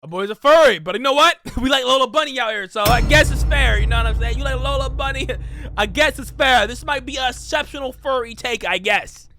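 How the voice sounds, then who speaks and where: A man giving casual reaction commentary, teasing and rambling, now and then breaking into shouts. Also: very high-pitched, brisk, loud music behind the voice. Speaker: reaction streamer.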